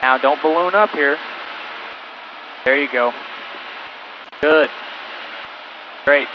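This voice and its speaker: A male flight instructor on a cockpit headset intercom, calmly talking a student pilot through each step in flight. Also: a little high, takes it slowly, highs cut off, noisy background. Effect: heard over a cockpit headset intercom. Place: small plane cockpit in flight.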